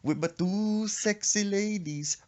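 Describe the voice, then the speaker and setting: A man voicing a carefree young boy who sings loudly in a put-on Jamaican accent. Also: sits high, takes it slowly, pitched above the performer's own voice. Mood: sing-song. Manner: sing-song, loud, oblivious.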